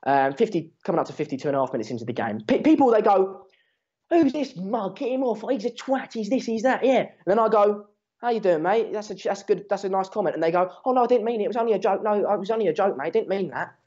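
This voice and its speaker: A high, animated and mellow voice rattles along quickly as a seventeen-year-old Englishman, a native Dutch speaker, hosts a football watchalong. He gives casual match commentary and chats with viewers, sarcastic, slangy and sweary, over a dull lo-fi stream mic.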